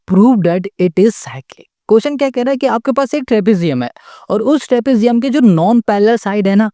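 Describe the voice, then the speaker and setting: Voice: medium pitch, dark tone, no echo, clean studio sound. A maths tutor giving a step-by-step lesson. The tutor keeps asking the class rhetorical questions and checks in with "okay?" after each step, patiently restating points.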